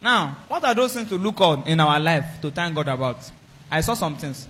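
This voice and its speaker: High bright-voiced preacher man. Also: normal speed. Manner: animated preaching, acting out exchanges in raised voices. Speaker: pastor. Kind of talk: sermon.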